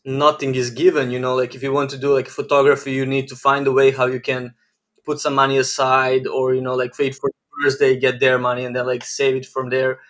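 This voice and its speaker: A man's voice: mid-range voice, fairly quick. A man in his twenties with a Serbian accent, a podcast guest telling his life story in a casual, rambling way, full of "like" fillers. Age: 20s. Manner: rambling, many "like" fillers, flat delivery. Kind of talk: casual interview chat.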